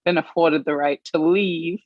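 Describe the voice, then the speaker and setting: A woman from Australia giving an earnest personal account as an interview guest, pausing often with fillers. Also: sits low, steady tone, no room sound. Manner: earnest, measured, with frequent pauses and fillers. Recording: dry, slightly muffled stream audio.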